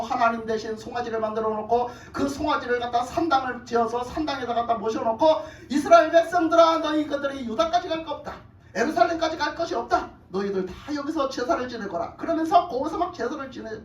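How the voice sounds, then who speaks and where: A woman's voice: high voice, echoey room, distant mic, low-quality recording. A woman preacher telling a Bible story in a colloquial sermon, often asking the congregation questions. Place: church hall.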